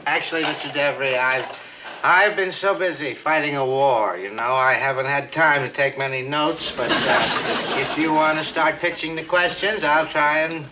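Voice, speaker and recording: Guy doing a pompous american navy captain, stammery and fussy, highish voice, noisy old sitcom audio. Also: moderate pace, close to an everyday voice. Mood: flustered boasting. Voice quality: stammering when flustered. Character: blustering, self-important, easily flustered male navy captain. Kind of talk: 1960s TV sitcom acting. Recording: noisy old television soundtrack.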